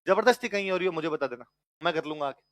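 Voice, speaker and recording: A man teaching history to exam students, repeating key lines in Hindi and then English for them to write down, and telling the story in a lively way while quizzing them. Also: on the high side, rapid-fire, dry recording. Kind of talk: exam-prep lecture with storytelling.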